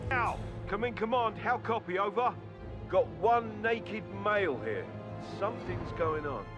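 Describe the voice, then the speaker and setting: A game guard radios his command post, speaking in short clipped radio protocol. His voice sits high, and the two-way radio call comes through muffled and lo-fi. He reports in flatly, like a routine check-in. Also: unhurried, over music. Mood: reporting. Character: male guard calling in over a two-way radio.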